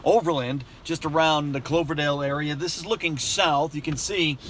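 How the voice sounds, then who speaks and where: An American man, a middle-aged meteorologist, giving casual, halting weather commentary and explaining what he sees as he films on a phone. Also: a little high, fairly bright tone. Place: in a car, then outdoors by a wet roadside. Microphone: handheld phone at arm's length. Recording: noisy phone video with traffic and outdoor noise.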